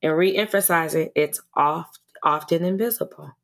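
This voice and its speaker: A woman with a fairly low voice speaks as a guest on a podcast interview. She talks earnestly about her work as an educator, often stumbling and restarting her sentences. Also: normal speed. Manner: earnest, passionate, with frequent restarts and repeated words.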